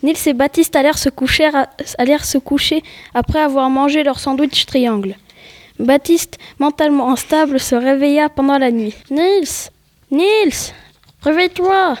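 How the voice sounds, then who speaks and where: A woman narrating a story she reads aloud, in a plain, steady way. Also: sits high, normal speed.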